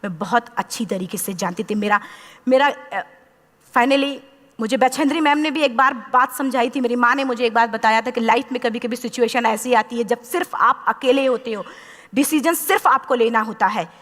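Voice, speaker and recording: A woman in her thirties tells her story to a live audience in a large hall, her slightly high voice trailing off in a long reverb. She speaks with passion and briefly acts out each quoted exchange. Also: normal speed, fairly bright tone. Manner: impassioned storytelling, acting out quoted dialogue. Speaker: motivational speaker. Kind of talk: motivational speech to a live audience.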